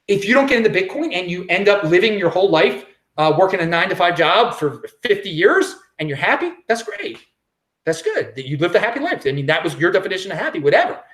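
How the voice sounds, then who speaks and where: A man's voice: high voice, fast. A man hosting his own show, delivering an emphatic solo opinion monologue, repeating phrases for emphasis. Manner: emphatic, repetitive, animated. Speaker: show host.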